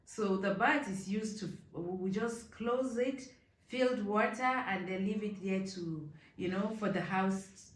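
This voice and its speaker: A middle-aged woman from Nigeria, a guest in a casual chat, telling a story slowly and hesitantly. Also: mid-range voice, far from the mic. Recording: echoey room, a little off-mic.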